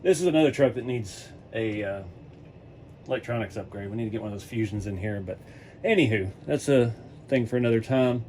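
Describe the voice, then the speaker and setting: In his home garage, a middle-pitched man who hosts an RC hobby channel walks through a relaxed workshop tutorial. He's laid-back and chatty, fills pauses often with "uh" and chuckles, and sounds a bit hoarse, as if losing his voice, with faint ambient noise behind him.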